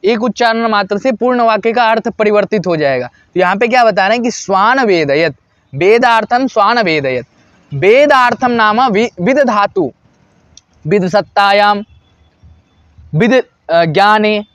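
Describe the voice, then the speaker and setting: A man teaching a Sanskrit grammar lesson, who asks questions and answers them himself and repeats each example slowly. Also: sits high, animated, a bit bright, no room sound, dull audio.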